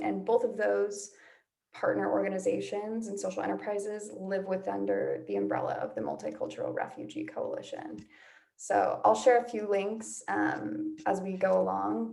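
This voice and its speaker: A woman's voice: medium pitch, creaky, a little mellow. A woman hosting an online session in a casual, effusive, gushing manner. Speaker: host.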